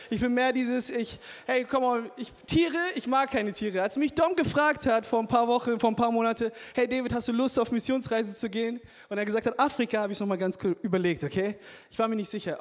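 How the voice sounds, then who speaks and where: Young man, youth pastor, energetic sermon, high voice, hall reverb. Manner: hyped, calls out to the crowd, mixes in English. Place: church hall before a live audience. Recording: live hall reverb with faint music.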